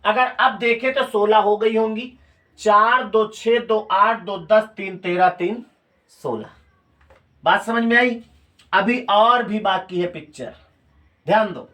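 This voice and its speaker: A man's voice: high-pitched, takes it slowly, sharp tone. Hindi-accented man teaching a class. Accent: Hindi of Uttar Pradesh. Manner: repeats key phrases and quizzes students with questions. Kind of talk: classroom lecture.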